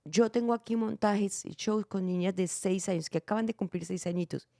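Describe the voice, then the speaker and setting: Middle-aged woman, podcast host and theater director, gravelly, animated storyteller, dry sound. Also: mid-range voice, moderate pace, no echo. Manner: animated, acts out quotes with shifting voices. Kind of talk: casual family podcast chat.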